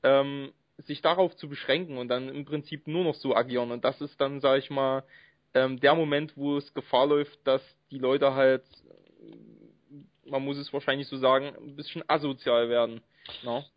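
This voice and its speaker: A man hosting a casual podcast chat, speaking in a measured way and hedging with fillers. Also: medium pitch, fairly even intonation, no room sound. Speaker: podcast host. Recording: dry, dull lo-fi sound.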